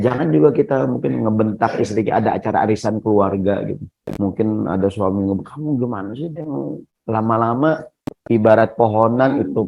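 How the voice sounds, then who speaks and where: A man's voice: fairly low pitch, gravelly, a little mellow, low-quality recording. A man giving a conversational sermon in a mosque. He keeps turning to the congregation with questions and often addresses them directly. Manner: conversational, keeps asking the audience "ya nggak?"; often addresses listeners as "hadirin". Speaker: preacher. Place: mosque hall.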